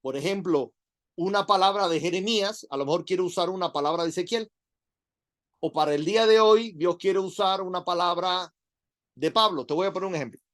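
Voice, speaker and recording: A middle-aged man, preaching a sermon in an animated, conversational way full of rhetorical questions. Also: high-pitched, a little fast.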